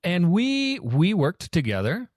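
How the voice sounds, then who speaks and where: A man's voice: high voice, wildly swooping pitch, takes it slowly, a little mellow. A young man hosting a podcast, chatting casually with lots of fillers and restarts. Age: young adult. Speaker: podcast host. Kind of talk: casual interview chat.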